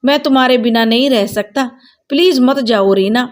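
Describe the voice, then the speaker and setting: A woman's voice: a little high, normal speed, close to an everyday voice. A woman voicing a stressed husband caught between his wife and mother, begging his wife to stay, in her own voice. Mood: pleading. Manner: pleading, then scolding.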